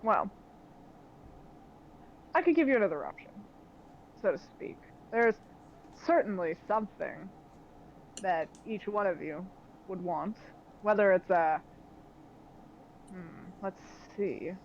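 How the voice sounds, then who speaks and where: A woman's voice: mid-range voice, expressive, takes it slowly, long pauses. A woman voicing a suave, scheming man who bargains with mock politeness in a tabletop game, on a slightly dull recording with faint noise. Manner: smooth, theatrical, mock-polite. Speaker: game master.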